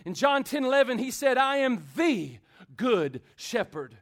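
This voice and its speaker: A man preaching a sermon in rhythmic, repeating phrases, asking the church for amens and swinging from loud build-ups to quiet, intimate talk. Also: very high-pitched, very animated, a little slow. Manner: rhythmic repetition with call-and-response asides. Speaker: pastor.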